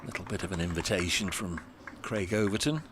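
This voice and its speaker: A man's voice: low-pitched, a little fast. A man commentating conversationally on cricket, filling in players' records and statistics. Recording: clear background noise, match ambience.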